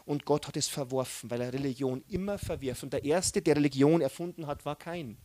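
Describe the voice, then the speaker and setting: A man preaching a sermon, his fairly high voice ranging widely. He swings between forceful, raised outbursts and quiet, hushed asides. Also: fairly quick. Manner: animated, mixing loud outbursts with soft asides. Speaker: pastor.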